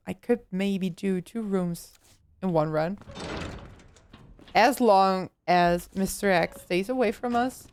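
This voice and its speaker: A woman's voice: medium pitch, darkish tone, clean tone. A young woman streaming a horror game, chatting casually, swearing and yelping when startled. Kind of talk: casual live gameplay chatter.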